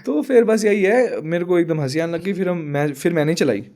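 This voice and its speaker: A young man telling a story in casual chat, animated and laughing often. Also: a little high, fairly quick. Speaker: podcast guest.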